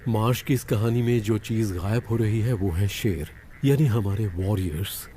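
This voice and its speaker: A man narrating a wildlife documentary in a dubbed voice-over, explaining calmly. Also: lowish voice, moderate pace, a little hiss or hum.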